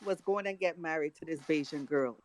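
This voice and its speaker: A woman's voice: low voice, a little fast, background noise. A woman on a remote call whose audio keeps breaking up, casually telling a family story. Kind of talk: casual chat. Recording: broken-up distant call line.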